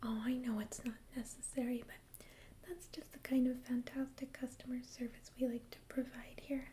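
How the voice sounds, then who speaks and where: Whispered role-play, soft female librarian. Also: sits high, little pitch movement, normal speed, slight background noise. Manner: gentle, hesitant, conversational. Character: friendly, chatty female librarian recommending books. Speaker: ASMR role-player as librarian.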